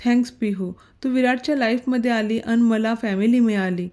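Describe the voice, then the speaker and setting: A woman voicing a gentle elder brother who speaks softly and from the heart. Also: extremely high pitch, fairly even intonation, moderate pace. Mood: heartfelt. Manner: soft, heartfelt.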